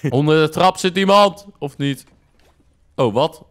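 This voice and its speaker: Animated young man reacting to clips. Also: on the high side, takes it slowly, slight background noise. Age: young adult. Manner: animated, exclamatory, slangy with English interjections. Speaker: reaction video host. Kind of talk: casual reaction commentary. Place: small furnished room at home, indoors. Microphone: close desk microphone, headset on.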